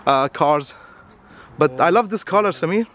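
This is a casual walk-and-talk vlog: a man in his twenties, camera at arm's length, points out cars in an outdoor lot with chatty, non-native phrasing. His slightly high, slightly bright voice is animated and moves at normal speed. Street noise murmurs faintly.

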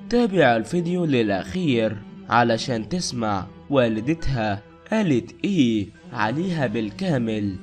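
A man's voice: mid-range voice, a little mellow. A man delivering scripted news narration as a video narrator in Arabic.

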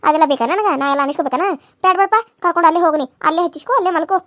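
A shrill, rapid, sarcastic village wife scolding her husband in a cartoon, speaking in a North Karnataka accent, as a woman voices her. The recording is dry and close. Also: fairly bright tone, dry recording. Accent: North Karnataka Kannada. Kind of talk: cartoon serial voice acting.

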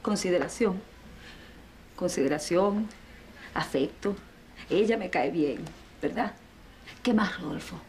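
A woman's voice: lowish voice, lively intonation, takes it slowly, long pauses, darkish tone, a little hiss or hum. An actress playing a bitter, jilted woman who reproaches the man she loved in a telenovela. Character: bitter jilted woman letting her lover go. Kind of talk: telenovela acting.

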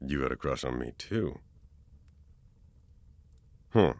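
A young man in a whispered role-play as a best friend, casual and swearing, teasing then gently comforting, close to the mic. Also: rumbling low, expressive, takes it slowly, dry recording. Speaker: ASMR boyfriend role-play performer.

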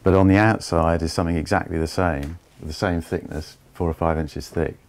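A man in his fifties giving a measured, step-by-step tour of an old barge's wooden hold. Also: deep voice, fairly even intonation, a little mellow. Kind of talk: explanatory walking tour.

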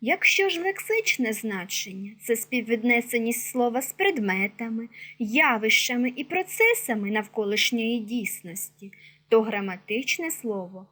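Female narrator for a school video lesson, slightly raised pitch, breathy edge, steady explanatory read. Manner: clear, measured explanatory delivery. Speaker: teacher. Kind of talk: scripted educational narration.

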